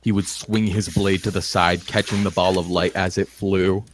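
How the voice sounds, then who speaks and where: A man narrating a tabletop role-play game as the game master, in a measured way with some restarts. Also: sits low, little pitch movement, a little hiss or hum.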